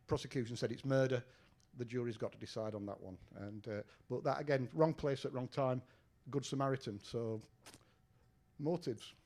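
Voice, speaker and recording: A man's voice: medium pitch, darkish tone. An older English man, a retired detective, giving a conversational lecture with fillers and questions to the audience. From England. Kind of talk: lecture presentation. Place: lecture room.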